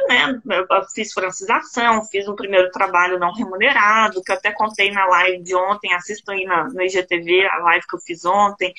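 A woman in her thirties from Brazil, with a Brazilian Portuguese accent, working as a career coach and telling her own story in a relaxed live-stream chat, lively and emotional, with laughter between phrases. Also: medium pitch, rough recording.

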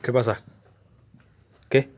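A man's voice: slow pace, lo-fi sound. A young man with an Argentine accent chatting casually and slangily while exploring an empty building at night. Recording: noisy handheld recording with long hollow reverb.

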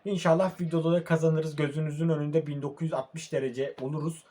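A young man, sleepy late at night, commentating his own football video game match in a casual way, calm one moment and frustrated the next. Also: fairly high pitch, fairly quick. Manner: casual, swings between calm murmuring and frustrated outbursts. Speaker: mobile football gamer. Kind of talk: live match commentary while playing.

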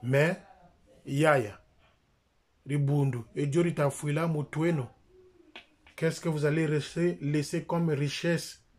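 In a highish, fairly flat voice, a middle-aged man with a Congolese French accent, from the Republic of the Congo, speaks slowly with long pauses to a close phone camera in a small room. As a church member and critic, he delivers a denunciation, insistently repeating phrases and jabbing his finger.

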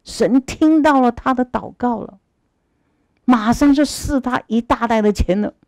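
A woman Buddhist master tells a sermon parable in a lively way, her pitch swooping and her speech full of sound effects. Her voice is mellow and warm. The recording is dry and close. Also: a little slow, no room sound. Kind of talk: sermon storytelling. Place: temple hall.

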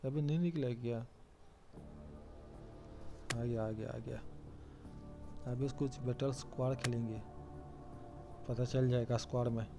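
A man's voice: mid-range voice, steady tone, unhurried, vocal fry, long pauses, music in the background. A young man giving casual, chatty commentary on his own gameplay and joking about himself. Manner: chatty, self-mocking, calls out to teammates. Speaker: gamer commentating his play.

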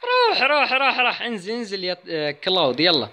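Brief: excitable male let's-play host, high, bright voice, chatty with viewers. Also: quick pace. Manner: excitable, chatty, addresses viewers, yelps at game moments. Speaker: gaming channel host.

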